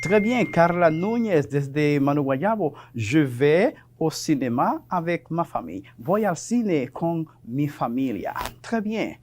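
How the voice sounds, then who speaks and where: A male teacher giving a televised French lesson, speaking slowly and patiently, spelling words out and repeating them. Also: on the high side, big pitch swings, a little mellow.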